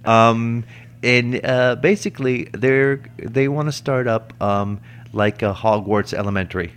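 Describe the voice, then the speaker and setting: A man's voice: medium pitch, fairly even intonation, a little slow, clear, resonant tone. A man co-hosting a podcast, chatting casually about a TV series, laughing often and restarting sentences. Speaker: podcast co-host. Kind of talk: casual chat reviewing a TV series.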